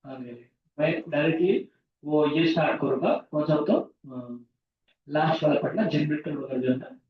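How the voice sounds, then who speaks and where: A man's voice: on the high side, normal speed. Man teaching in an echoey classroom. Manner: chatty, jumps between lesson and anecdotes. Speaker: physics teacher. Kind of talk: informal classroom talk. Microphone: far from the mic. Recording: echoey room, distant mic, dull sound.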